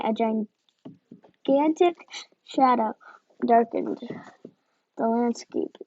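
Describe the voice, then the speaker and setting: A woman reads a children's picture book aloud, taking her time and sounding out the tricky names. Her voice sits a little high. The recording is dull and lo-fi. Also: dark tone. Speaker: storybook reader.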